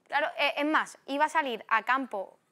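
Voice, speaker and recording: Young woman from Spain, slightly high voice, animated storyteller in casual chat. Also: moderate pace. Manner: lively storytelling with acted-out quotes. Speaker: guest footballer.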